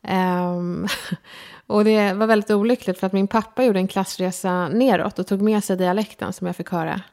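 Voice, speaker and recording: A woman's voice: medium pitch, fairly even intonation, darkish tone. Lisping woman with an upper-class Stockholm tinge. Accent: Stockholm, slightly upper-class tinge. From Sweden. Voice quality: slight lisp, speaks far forward in the mouth. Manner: direct, frank, self-deprecating. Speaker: guest, designer and lecturer. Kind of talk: casual conversation.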